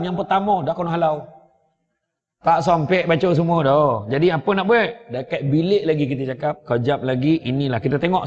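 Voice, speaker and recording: A man with a Malaysian Malay accent giving a humorous sermon as a preacher, telling stories and acting out scenes as he goes. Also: a little high. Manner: lively storyteller acting out scenes. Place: mosque or prayer hall. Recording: echoey hall, dull lo-fi sound.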